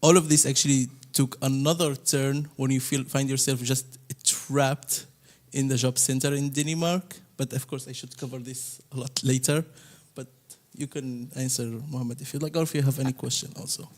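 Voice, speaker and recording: A man's voice: mid-range voice, fairly even intonation, normal speed. A man speaking earnestly on a panel, with slightly broken phrasing. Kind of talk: panel discussion.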